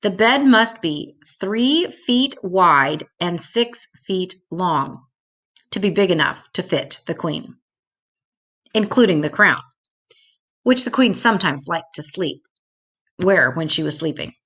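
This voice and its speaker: Reading a picture book to small children, this older woman takes her time and lingers expressively over the key words. She speaks in a lowish register.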